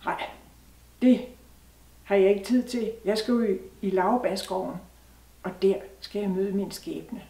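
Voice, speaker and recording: A woman's voice: medium pitch, long pauses, dark tone, lightly acted. A woman voicing a restless grown man who keeps asking where his fate is, recorded from a distance in a roomy space. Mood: dismissive. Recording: roomy sound from a distant mic.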